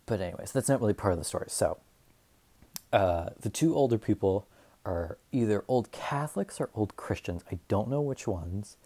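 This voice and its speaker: Young man, podcast host, casual solo monologue, low pitch, very dark mellow tone, rambling, profane. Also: lively intonation, moderate pace. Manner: rambling, profane, self-deprecating.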